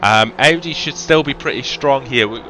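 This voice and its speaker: A man's voice: medium pitch, normal speed, bright, forceful tone, a little hiss or hum. A man with a faint Welsh accent doing live sim racing commentary, chatty, with lots of ums and self-corrections. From Wales.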